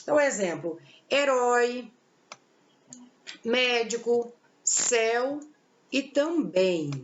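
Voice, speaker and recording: A woman's voice: a little high, lively intonation, slow. Brazilian woman teacher, echoey lo-fi lesson. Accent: Brazilian Portuguese. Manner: explains patiently with diminutives and rhetorical questions. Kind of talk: recorded online grammar lesson. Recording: echoey, dull lo-fi room recording.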